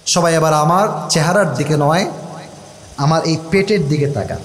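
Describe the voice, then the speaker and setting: A male preacher from Rajshahi with a Rajshahi Bengali accent, telling a story in a dramatic sermon style, shouting the quotes and then dropping to a soft voice. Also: a little high, normal speed. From Rajshahi, Bangladesh. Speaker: Islamic preacher. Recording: echoey, faint background noise.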